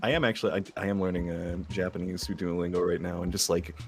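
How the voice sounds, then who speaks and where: A man with a very low voice, chatting loosely on a stream, full of fillers and quick laughs. Faint music runs underneath. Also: fairly even intonation. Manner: rambling, frequent laughs, fillers. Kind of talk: casual chat.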